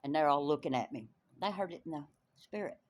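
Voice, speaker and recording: A woman tells her faith testimony in an animated way, laughing often and repeating lines for emphasis. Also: sits low, fast talker, a little hiss or hum. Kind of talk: testimony storytelling.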